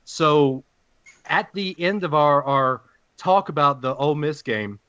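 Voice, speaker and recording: A man with a deep Southern US accent hosting a casual sports podcast in a folksy, playful showman's way. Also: a little slow, fairly bright tone, dry recording, highs cut off.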